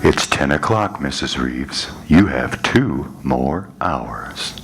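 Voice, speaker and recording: A man voicing a sinister caller in an amateur live radio play, speaking slowly and tauntingly. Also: a bass voice, expressive, exaggerated voice. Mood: menacing. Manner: slow, menacing, taunting. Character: sinister male voice on the phone, mocking.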